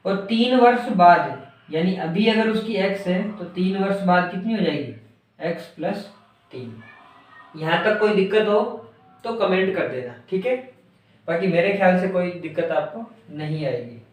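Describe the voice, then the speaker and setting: A man's voice: high-pitched, expressive, a little slow, soft background music. A man teaching a maths lesson, who keeps asking his class questions and answers them himself. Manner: asks and answers his own questions, repeats key words. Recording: very echoey room, voice far from mic.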